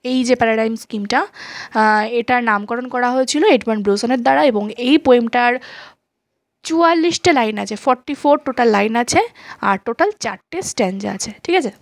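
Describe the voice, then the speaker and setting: A woman teacher giving a lecture, reading English notes slowly and then explaining them, often checking that students follow. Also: on the high side. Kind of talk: classroom lecture.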